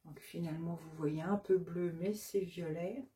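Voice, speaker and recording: Speaking at normal speed in a low, steady, mellow voice over slight background noise, a woman who runs a yarn shop displays her new colorways on camera. She names the colors one after another, with many hesitant fillers, in a casual show-and-tell of her products.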